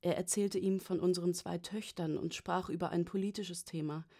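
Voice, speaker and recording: A woman narrating a first-person story as an audiobook, in an even, measured way. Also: fairly low pitch.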